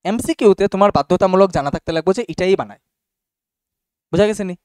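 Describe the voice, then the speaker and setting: High-voiced male teacher, dry sound. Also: fast talker, darkish tone, no room sound. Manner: explains casually, checks understanding often. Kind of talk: classroom biology lesson.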